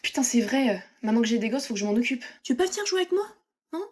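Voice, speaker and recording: A woman's voice: a little high, lively intonation, rapid-fire, darkish tone. A young woman performing comedy sketches, snappy and sarcastic, switching between characters.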